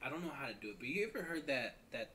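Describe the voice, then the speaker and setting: A man hosting a casual podcast who tells jokes and stories in a rambling, halting way. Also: medium pitch, sing-song, pushed and bright, a little hiss or hum. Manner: rambling, halting, joking storyteller. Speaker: podcast host.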